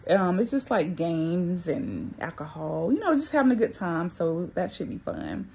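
Young woman, casual vlogger, husky tone, retainers making her speech slightly muffled. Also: lowish voice, animated, unhurried, a little mellow. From North Carolina, USA. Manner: chatty, addresses viewers as y'all and girl. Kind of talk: casual vlog chat.

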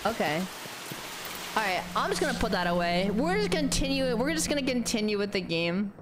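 A young woman streaming a game, chatting to her viewers, giggling and filling pauses with "um". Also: medium pitch, noisy background. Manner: talks to chat, animated, giggly, mumbles "um" often. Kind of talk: casual gameplay commentary.

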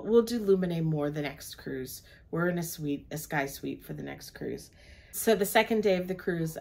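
Older woman with a low voice, chatting. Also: a little mellow. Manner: chatty, recounts the day step by step. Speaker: travel vlogger. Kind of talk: casual chat. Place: cruise ship cabin, seated on a sofa.

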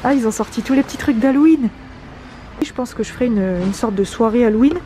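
A young woman with a fairly high voice chats casually to a handheld camera while out shopping. She speaks through a face mask, slightly muffled, with clear ambient noise around her. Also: quick pace, dark tone. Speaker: vlogger. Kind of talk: casual shopping vlog chat. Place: car, then large busy discount store. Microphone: handheld camera at arm's length. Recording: clear background noise, store and vehicle ambience.

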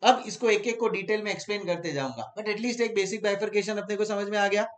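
Man, Indian accent, high voice, live online lecture, rhetorical questions, repeats key terms. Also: fairly quick. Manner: Hinglish teaching, asks rhetorical questions and answers them. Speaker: teacher.

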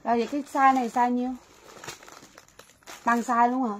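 Her fairly high voice barely shifts in pitch as she briskly works a livestream sales pitch, chatting with viewers and circling back to the same phrases. She's Vietnamese, and the low-quality recording carries faint background noise.

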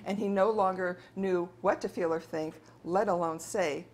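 A woman co-author reading her novel aloud at a bookstore event in a steady, measured narration. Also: lowish voice.

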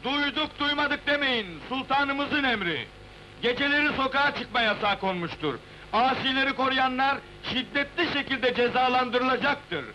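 A town crier from an old historical film, proclaiming stern orders to the people. The call is extremely high and piercingly forceful, over a faintly noisy old soundtrack. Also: male voice, normal speed.

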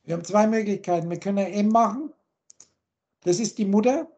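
A woman's voice: mid-range voice, fairly quick, dark tone, muffled recording. A woman on a video call, teaching in a lecturing way and listing word after word with their meanings. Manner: lecturing, lists words and meanings in long chains. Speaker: teacher explaining word roots.

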